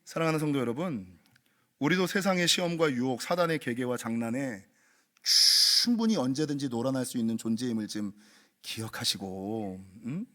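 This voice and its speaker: Animated, emphatic Korean pastor preaching. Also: male voice, medium pitch, moderate pace. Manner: emphatic, repetitive, dramatic storytelling. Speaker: senior pastor. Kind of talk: sermon.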